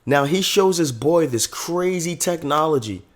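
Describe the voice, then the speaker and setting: A man's voice: fairly high pitch, expressive, measured pace. A man casually reviewing a show episode, chatty and full of enthusiasm. He talks in a loose, slangy way, circling back to his points as he goes.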